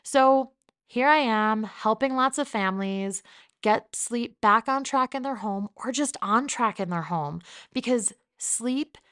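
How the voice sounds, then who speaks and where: A woman's voice: a little high, unhurried, a bit bright, smooth. A woman in her thirties from New Jersey, hosting her own podcast in a chatty, upbeat and candid solo monologue. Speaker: podcast host.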